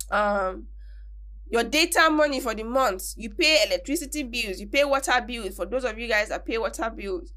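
A young Nigerian woman talks through her thoughts on a solo podcast, casual and reflective, stopping to work out everyday examples as she goes. Her voice sits a little high and rings bright and clear, with a lively forward edge. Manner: chatty, reflective, works through examples aloud. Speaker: podcast host.

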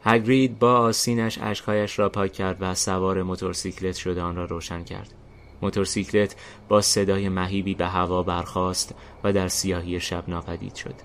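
Deep-voiced male storybook narrator. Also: little pitch movement, a little hiss or hum. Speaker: narrator and host. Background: faint music.

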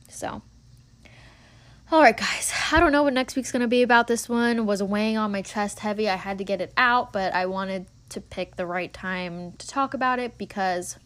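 A woman's voice: mid-range voice, a bit bright. A woman in her twenties hosting a casual solo podcast, talking earnestly and encouragingly with lots of filler words. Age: 20s. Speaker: podcast host.

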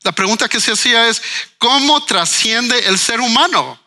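Guy in a panel talk, high and very bright voice, keeps repeating himself as he thinks. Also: expressive, moderate pace. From Ecuador. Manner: earnest, questioning, repeats words while thinking. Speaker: writer and cultural manager guest. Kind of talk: reflective panel discussion.

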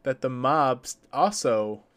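A man's voice: medium pitch, lively intonation, slow, fairly bright tone. A man co-hosting a history podcast in a chatty, joking manner. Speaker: podcast co-host. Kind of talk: casual history podcast chat.

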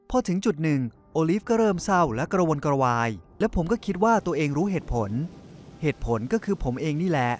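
A man reading a scripted first-person story in a confessional tone, often speaking straight to the listeners. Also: a little high. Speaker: narrator. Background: faint background music.

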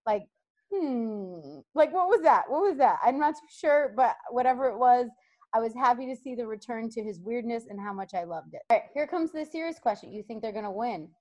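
A woman with a high voice hosts a casual fan chat. She is lively and animated, and she repeats phrases to drive a point home. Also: fairly quick. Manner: animated, repeats herself for emphasis. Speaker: host.

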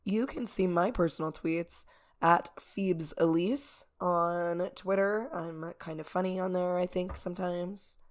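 A woman co-hosting a podcast in casual chat, speaking informally with a hoarse voice. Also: on the low side, fairly even intonation, a little slow. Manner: informal, peppers talk with "like" and "y'all". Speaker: podcast co-host.

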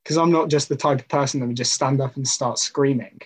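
A man's voice: medium pitch, steady tone, fairly quick, slightly rough, rough recording. A man giving an informal sermon to a youth group, talking conversationally with personal stories and rhetorical questions.

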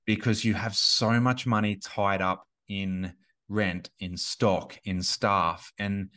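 Rambling lower-voiced man. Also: fairly even intonation, takes it slowly, pushed and bright. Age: 30s. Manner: rambling, many restarts and fillers. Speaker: podcast guest, business coach. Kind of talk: casual podcast interview.

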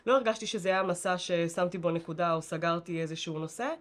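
A woman from Israel with an Israeli accent, a guest talking casually and reflectively, correcting herself as she goes. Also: on the low side. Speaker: interview guest.

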